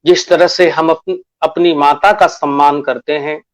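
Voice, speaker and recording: Slow, deliberate male teacher. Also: fairly high pitch, fairly even intonation. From Bihar, India. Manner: slow and deliberate, addresses pupils as children; repeats key phrases and asks questions to himself. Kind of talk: classroom lesson.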